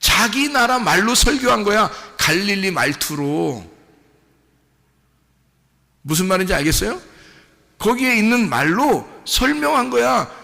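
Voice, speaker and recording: A male pastor preaching a sermon in a church sanctuary, animated and lively, acting out what people say as he explains. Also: high-pitched, measured pace, creaky, pauses often. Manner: animated, acts out quotes and mimics speech. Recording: long hall reverb.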